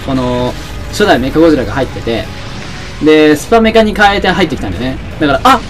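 Young male game commentator, lively and excitable, voice a bit high, music faintly underneath. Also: fast. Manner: excitable, shouts and laughs at the action. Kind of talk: excited let's-play commentary.

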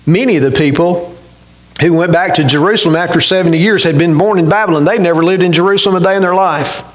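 A man's voice: sits high, quick pace, poor audio. A middle-aged man preaching a sermon from a church pulpit, earnestly putting questions to his congregation. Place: church sanctuary, indoors, at a pulpit.

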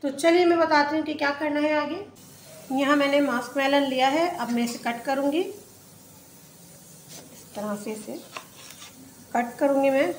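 High-voiced woman explaining a recipe. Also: a little slow, pauses often, roomy sound, slight background noise. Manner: chatty step-by-step explaining. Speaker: cooking channel host. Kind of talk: casual recipe voice-over. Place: home kitchen.

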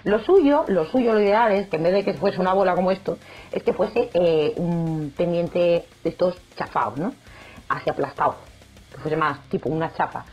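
A woman's voice: on the low side, moderate pace, soft background music. Chatty young woman vlogging. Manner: chatty, jokey, animated, acts out quoted voices. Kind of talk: casual chat to camera.

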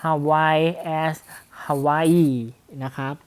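A male English teacher talks through a grammar exercise in a smooth, clear voice. He drags out each example sentence very slowly, word by word, then asks his students questions about it. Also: on the high side, level tone. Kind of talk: grammar lesson explanation.

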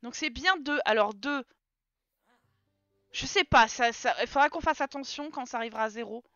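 Woman streamer, high bright voice, chatty live play-by-play, talks to her characters. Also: normal speed, no room sound, muffled recording, faint music behind. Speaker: game streamer. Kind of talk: casual live gameplay commentary.

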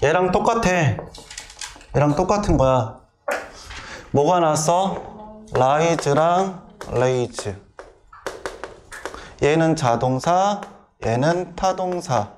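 A middle-aged male English instructor giving a classroom grammar lecture, firing quick questions at students and answering them himself. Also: on the high side, lively intonation, a little mellow, slight background noise.

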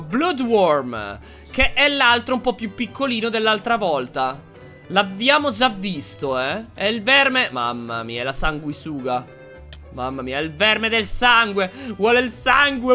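Shrill, excitable young man gaming. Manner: squealing, disgusted reactions to monsters, talks to viewers. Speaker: gaming YouTuber. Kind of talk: excitable Minecraft gameplay commentary.

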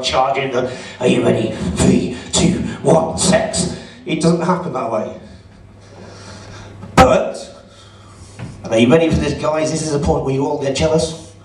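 A man's voice: mid-range voice, steady tone, normal speed, long pauses, darkish tone. A middle-aged man doing a stand-up comedy set in a club, chatty and sarcastic as he teases the crowd. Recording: roomy audio from a distance.

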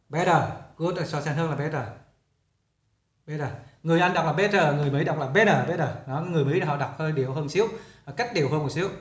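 A man talks through a lesson as a teacher, in a chatty, repetitive way. His voice sits a little high for a man. The recording has a roomy echo around it. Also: fairly bright tone. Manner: chatty, repeats himself while explaining. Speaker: English teacher. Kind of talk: casual classroom explanation.

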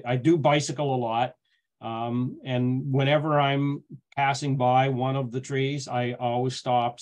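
A middle-aged Canadian man giving a relaxed talk to a group. He rambles and often restarts his sentences, and his voice sits at an ordinary medium pitch. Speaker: guest speaker. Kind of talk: casual storytelling talk.

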